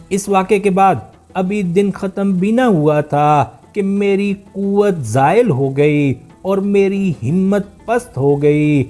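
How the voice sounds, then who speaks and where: A frightened female duck recounts her tale in a storybook telling, as a man reads her part. The voice sits high and the reading stays measured, easing down at the ends of sentences, with faint instrumental music beneath. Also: mellow, lightly acted. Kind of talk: storybook narration.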